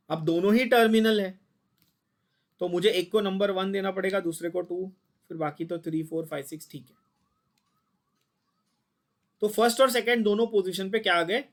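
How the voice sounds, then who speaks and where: Man, high voice, chemistry teacher, online class, blunt, quizzing. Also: fairly bright tone. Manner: mixes Hindi and English, quizzes students constantly, blunt and scolding.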